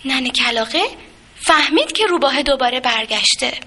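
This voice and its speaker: Woman, children's story narrator, gentle, expressive, bright tone. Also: high voice. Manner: gentle, expressive, with sound effects.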